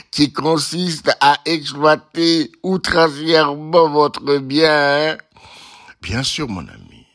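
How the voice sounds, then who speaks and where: A man's voice: a little high, fairly bright tone. A man giving an opinionated monologue, asking and answering his own questions, with frequent repeated tag words.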